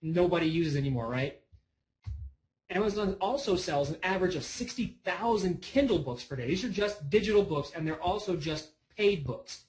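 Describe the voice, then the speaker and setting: Man, webinar presenter, casual and rambling, voice a touch high. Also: expressive, moderate pace, darkish tone, poor audio. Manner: rambling, chatty, self-interrupting. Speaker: online course presenter.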